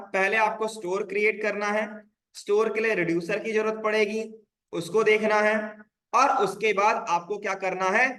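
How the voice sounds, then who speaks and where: A man with a fairly high voice leads a live online coding lesson, mixing English terms into relaxed explanations. He keeps checking in with his students, and the room around him sounds echoey. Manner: casual Hindi-English teaching, frequent check-ins with "bhai". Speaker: coding instructor.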